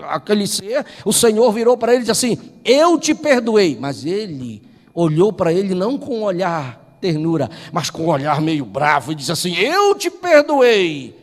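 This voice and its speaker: Telling a Sunday school sermon story, this male pastor from Brazil starts with hushed narration and rises to impassioned preaching. He has a high voice, trailed by long reverb.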